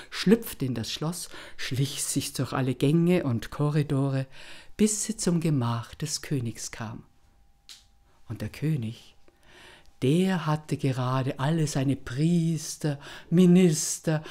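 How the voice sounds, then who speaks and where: A woman telling a folk tale aloud in a deliberate, dramatic way with pauses. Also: low voice, dark tone. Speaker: storyteller.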